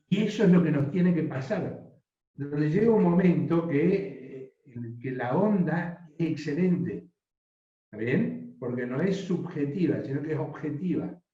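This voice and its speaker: A man teaching a voice workshop, often checking with the class. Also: on the high side. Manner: instructive, asks the class frequent yes-or-no checks. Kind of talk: voice and speaking workshop. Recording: distant mic in an echoey, dull-sounding room.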